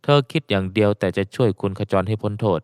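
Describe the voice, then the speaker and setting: A man narrating an audiobook in a steady storytelling cadence, close to the mic. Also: lowish voice, fast, clean tone, no room sound.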